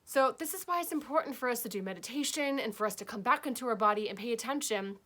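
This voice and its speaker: Woman healing teacher, casual spiritual talk, bright and a bit high-pitched, chatty check-ins. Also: animated, fast talker. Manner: chatty, keeps checking in with "okay?" and "right?".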